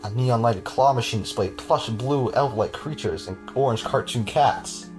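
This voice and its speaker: A man's voice: mid-range voice, normal speed, a little mellow, faint music behind. A man hosting a podcast, reading a horror story aloud with casual, chuckling asides to his cohost.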